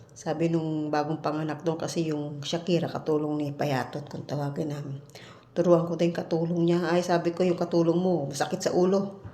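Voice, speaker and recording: A woman from the Philippines tells a story in a casual vlog, bluntly acting out the quarrels she quotes. Her voice sits fairly low and sounds mellow and dark. The sound is roomy, with echo off the walls. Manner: blunt, animated retelling with quoted exchanges. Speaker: vlogger, domestic worker abroad. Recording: echoey room.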